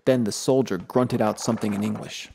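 A man giving scripted audiobook narration with a steady storytelling delivery. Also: fairly low pitch, brisk, creaky, background noise.

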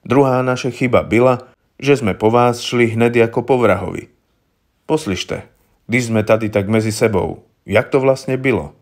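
A man voicing a calm, shrewd older inspector. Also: medium pitch, natural voice. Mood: probing.

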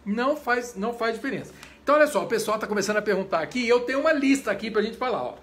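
Animated Brazilian man with a high voice. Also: very fast, slight background noise. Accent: Brazilian Portuguese. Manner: animated, chatty, breaks into short sung examples. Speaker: conductor and voice teacher. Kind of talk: informal introductory lecture. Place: home during quarantine.

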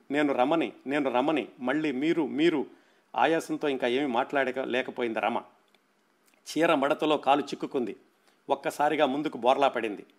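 A man, the host of a talk show, retelling a short story in his own words, with a Telugu accent, voicing the characters' lines briefly and adding his own comments. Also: mid-range voice. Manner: narrates with voiced quotes and asides.

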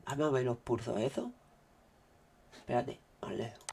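A man with a Spain Spanish accent, his throat dry after a cold, excitedly commenting on what is on his screen. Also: mid-range voice, normal speed, gravelly, slight background noise. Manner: excitable, exclaiming, keeps saying "look". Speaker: vlogger. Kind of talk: casual commentary on screen recording.

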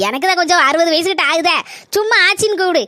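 A woman's voice: very high voice, quick pace, pushed and bright, no room sound, clean studio sound. A woman voicing a bossy, teasing village grandmother in her sixties, with a Kanyakumari Tamil accent, in a cartoon comedy. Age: 60s. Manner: scolding, teasing. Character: bossy village granny near sixty.

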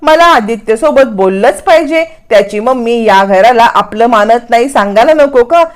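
A woman's voice: a little high, lively intonation, normal speed, lightly acted. A woman voicing a domineering mother-in-law who scolds and gives orders. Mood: scolding. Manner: scolding, bossy.

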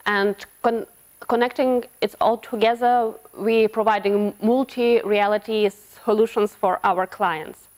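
A woman's voice: mid-range voice, steady tone, unhurried, darkish tone. A woman from Ukraine, giving a conference talk as a web developer, often restarting her words. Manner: hesitant, frequent restarts and broken-off words. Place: conference hall.

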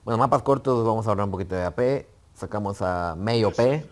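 A man with a Spain Spanish accent giving excitable live commentary on a game he is playing. He swears casually and talks straight to the game. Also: lowish voice, fast. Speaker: gaming YouTuber.

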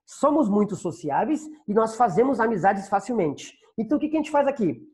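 A man's voice: sits high, sing-song, fairly quick, dark tone. A man with a Brazilian Portuguese accent teaching an online Spanish class, patiently repeating and translating each phrase.

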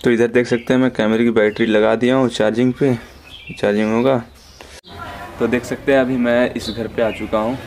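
In a casual selfie vlog, a young man walks viewers through his day across the outdoors, his home and the gym, holding the camera at arm's length and repeatedly saying "bhai." He speaks in a flat, mid-range voice at normal speed, over echo and loud street noise.

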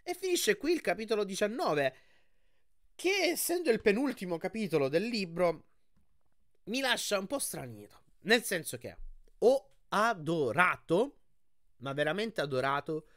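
A man reading a novel aloud for his channel, expressive and lively in his storytelling. His voice sits fairly high for a man. The recording is dry and close, with no room sound. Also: dry recording. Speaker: audiobook reader and channel host.

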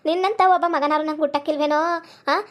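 A woman's voice: high-pitched, steady tone, quick pace, natural voice. A woman in her forties with a North Karnataka Kannada accent, playing a distraught village nurse-mother who scolds her son in a skit. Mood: scolding. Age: 40s. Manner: wailing, scolding, repeated rhetorical questions.

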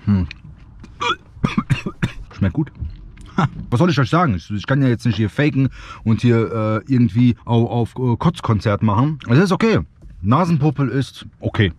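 Excitable young man with swooping pitch. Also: moderate pace, pauses often. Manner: excitable, exclaiming, slangy. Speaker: vlogger. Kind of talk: casual challenge vlog, youth slang. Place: inside a small car, often driving. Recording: noisy car interior, road rumble.

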